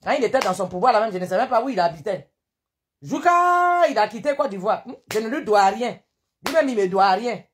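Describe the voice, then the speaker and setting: A woman's voice: a little high, lively intonation, a little fast, a little hiss or hum. A woman with an Ivorian French accent hosts a live stream, scolding indignantly and hammering the same rhetorical questions. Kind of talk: live-stream political rant.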